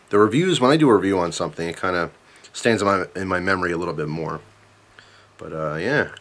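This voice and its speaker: A man in his thirties giving a casual, chatty product review in a halting, thoughtful way, pausing between short phrases. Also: sits low, a bit bright. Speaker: pipe tobacco reviewer.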